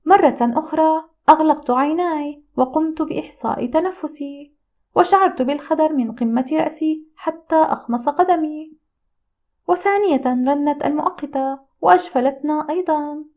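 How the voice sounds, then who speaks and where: A woman reading a first-person audiobook in a steady, reflective storytelling manner. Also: high-pitched, moderate pace. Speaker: audiobook narrator. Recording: tinny phone-like audio.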